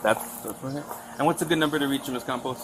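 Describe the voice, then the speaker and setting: A police officer speaking in a calm, reassuring and polite way. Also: male voice, mid-range voice, racing, a loud crowd. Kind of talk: bodycam conversation. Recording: bodycam mic, noisy outdoors.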